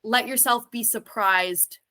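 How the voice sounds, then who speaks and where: Her voice a little high, bright, and forceful, this singer and actor talks slowly as a guest in a relaxed interview chat. She muses out loud in a meandering, reflective way, peppering it with plenty of "like."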